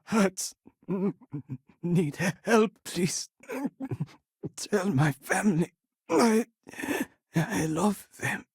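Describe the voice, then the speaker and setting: An actor playing a wounded spacefaring crewman in a video game, pleading for help in pained, halting gasps. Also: high-pitched, creaky, darkish tone, slightly rough, no room sound, clean studio sound, full character voice.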